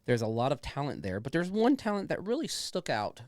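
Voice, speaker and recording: Animated male podcast host, casual. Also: a little high, a little fast, no room sound, studio quality. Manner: informal, enthusiastic, sweary. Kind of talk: casual chatty show introduction.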